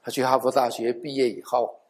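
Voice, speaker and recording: A man preaching a sermon, telling a life story with lively acted-out quotes. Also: medium pitch, fairly quick. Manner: animated storyteller, acting out quoted voices.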